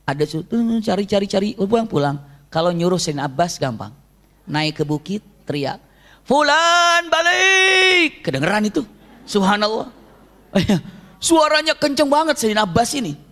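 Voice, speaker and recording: A male Islamic preacher, telling a story in a religious lecture, animated and asking his listeners questions. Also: sits high, fairly quick. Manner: animated, acts out shouted quotes, asks the audience questions.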